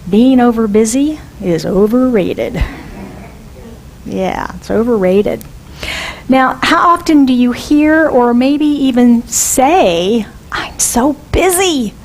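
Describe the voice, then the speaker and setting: Conversational woman minister, higher voice. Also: darkish tone, rough recording. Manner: conversational, asks the congregation questions. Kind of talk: sermon. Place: church sanctuary.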